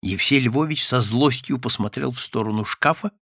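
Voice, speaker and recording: A man reading a classic satirical story aloud as an audiobook narrator, in an animated, theatrical way. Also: medium pitch, moderate pace, slightly rough, no echo, studio quality.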